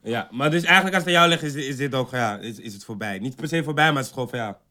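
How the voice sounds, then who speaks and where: A man interviewing a guest in a casual chat, relaxed and quick to laugh along. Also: medium pitch.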